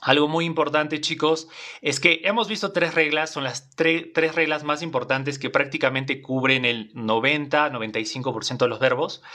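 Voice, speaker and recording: A man's voice: on the high side, pushed and bright. A man teaching an English class in Spanish, patient and repetitive, often checking in with his students. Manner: patient, repeats phrases, checks in with "¿vale?".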